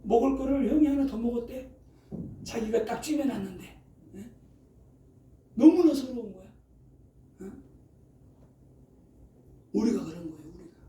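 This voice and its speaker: Here the same kind of middle-aged pastor delivers a sermon with an extremely high, mellow voice at a moderate pace, broken by long pauses. Again and again he tosses rhetorical "어?" and "예?" ("eh?", "right?") at the congregation. The church sanctuary sounds echoey, the mic sits far off, and faint ambience lingers.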